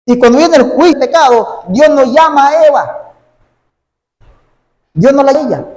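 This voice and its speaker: A pastor preaches a sermon in a church sanctuary, repeating his phrases and often pausing to say "amén" and ask "¿ves?". His voice is very high, expressive, darkish in tone, at normal speed. The long reverb of a large hall fills the recording.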